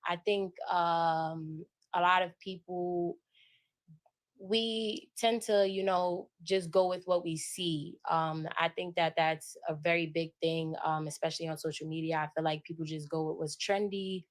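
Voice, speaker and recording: A woman's voice: lowish voice, flat delivery, measured pace, dry recording. Earnest woman sharing opinions. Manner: earnest, opinionated, many fillers. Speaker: podcast guest. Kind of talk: casual discussion.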